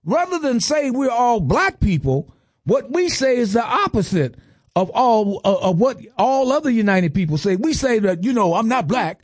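High, lively man lecturing emphatically. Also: moderate pace, no echo, studio quality. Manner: emphatic, lists items with rising stress, rhetorical questions. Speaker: speaker giving a lecture. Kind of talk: impassioned lecture.

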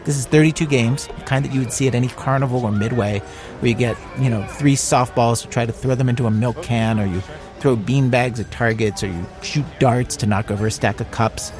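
A man's voice: medium pitch, a little fast. Conversational male radio narrator over faint music.

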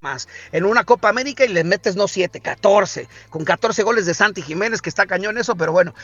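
A man's voice: sits high, animated, a little fast, a bit bright, no room sound, muffled recording. A man with a Mexican accent hosting a sports talk show, bantering with jokey wordplay.

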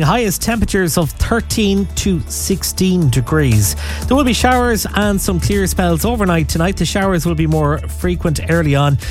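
A radio presenter reads a weather forecast. He has a fairly high male voice over faint music. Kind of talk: scripted weather forecast reading.

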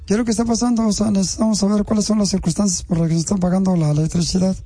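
A radio prank caller who poses as a utility official in a mock-official, needling and insulting way. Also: male voice, high-pitched, flat delivery, very fast, warm tone, breathy edge, faint music behind. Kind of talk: prank phone call.

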